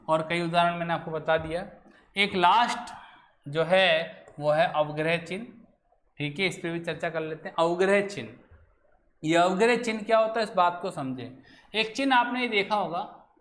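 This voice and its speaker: Guy teaching hindi grammar, kinda high voice, keeps asking then answering his own questions. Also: moderate pace, a bit bright, slight background noise. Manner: asks questions then answers them himself. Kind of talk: explaining lesson at a board.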